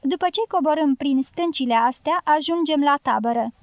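A steady old partisan guide who speaks plainly and firmly, read by a woman. The voice is high and recorded dry and close. It comes from an audiobook reading. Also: no echo. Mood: stern.

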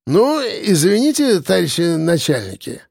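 A man's voice: high-pitched, sing-song, measured pace, vocal fry, a little mellow, no room sound, clean studio sound, pitched above the performer's own voice, heavily acted. A man voicing a tipsy, sly village hunter who talks in a slurred, wheedling drawl. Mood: excusing.

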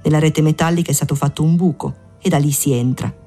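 A woman reading the lines of a breezy young man who leads his friend to a hidden beach, in a calm, plain voice. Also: low voice, quick pace, breathy edge, soft background music. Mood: easygoing.

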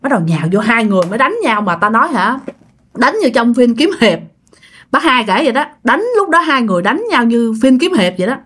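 Animated Southern Vietnamese woman storyteller. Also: a little high, fairly quick, slightly rough. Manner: animated, acts out quoted voices. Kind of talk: casual ghost story narration.

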